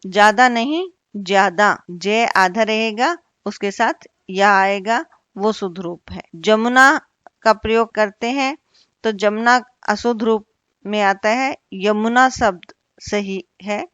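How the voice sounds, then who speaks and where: Slow, deliberate woman teaching Hindi grammar. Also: medium pitch, a bit bright, no echo, lo-fi sound. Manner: slow and deliberate, repeating each word and asking questions. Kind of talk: slow online grammar lesson.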